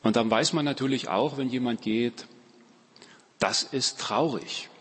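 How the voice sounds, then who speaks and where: Husky-voiced preacher in echoey hall. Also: male voice, medium pitch, a little slow. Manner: emphatic, repeats key phrases, varies loudness. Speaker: pastor. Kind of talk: farewell sermon.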